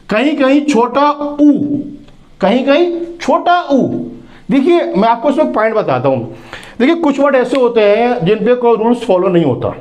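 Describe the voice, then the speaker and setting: A man teaching English phonics, sounding out words slowly, repeating them and asking rhetorical questions. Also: extremely high pitch. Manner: drawn-out sounding of words, repeating each word. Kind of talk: phonics lesson.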